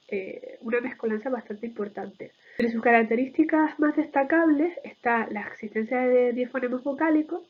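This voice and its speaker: A woman's voice: fairly high pitch, breathy edge, highs cut off. A woman giving an explanatory lecture in a didactic way, often checking in with short tag questions.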